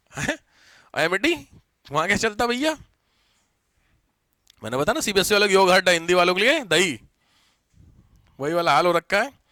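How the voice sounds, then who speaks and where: A man teaching a live online class. His voice sits a little high and sounds bright and forceful. He talks in a chatty, teasing way and drops English terms into his explanations. The recording is close and dry. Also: no room sound.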